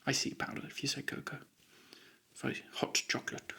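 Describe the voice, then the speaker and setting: A man speaking softly in a silly, rambling way for an ASMR video, reading out his own odd writings. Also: fairly quick. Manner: silly, rambling, self-amused. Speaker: ASMR creator.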